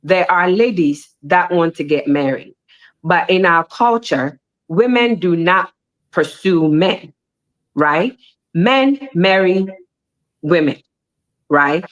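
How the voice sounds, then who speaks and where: On a discussion panel, a woman talks casually and animatedly, repeating herself, and her pitch jumps sharply whenever she makes a point. She speaks slowly with long pauses, and the audio is dull.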